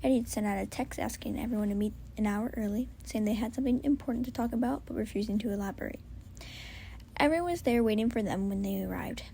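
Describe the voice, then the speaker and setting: A woman doing a soft whispered story reading at home, hushed and close. Her voice is fairly high with a gravelly fry in the whisper. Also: quick pace, slight background noise. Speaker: story reader. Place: home with a cat.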